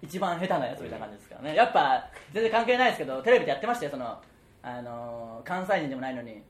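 A man from Okayama hosting a comedy radio talk show, ranting in an animated way with frequent laughs. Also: mid-range voice, very fast, roomy sound. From Okayama, Japan.

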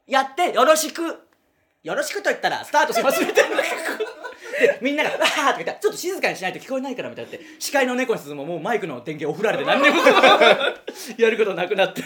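A man co-hosting a comedy radio show, telling stories in a casual chat, with animated delivery and frequent laughter. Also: high-pitched, noisy background. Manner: animated storytelling, often laughing mid-sentence. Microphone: studio microphone.

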